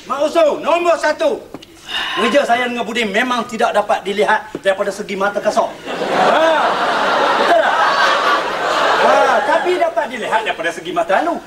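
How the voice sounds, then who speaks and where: A playful sitcom flat-dweller in a high voice, bursting into song and joking. His lines come from an old TV comedy, with a studio audience laughing behind him. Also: far from the mic, background noise. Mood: boastful. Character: jokey idle man from a low-cost flat, fond of singing. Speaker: sitcom character, flat resident. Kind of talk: 1980s TV sitcom acting.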